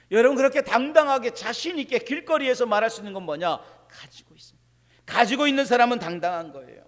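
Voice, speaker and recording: Guy preaching, drops to near whispers then booms out, church echo all over it. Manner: dynamic, shifting from hushed asides to loud proclamations. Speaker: pastor. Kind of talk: sermon. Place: church sanctuary. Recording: long reverb of a church hall.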